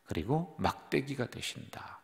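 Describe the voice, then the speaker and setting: A man's voice: mid-range voice, big pitch swings, unhurried, vocal fry. A middle-aged man preaching a sermon as pastor, speaking straight to the congregation and asking and answering his own questions. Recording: long reverb of a church hall.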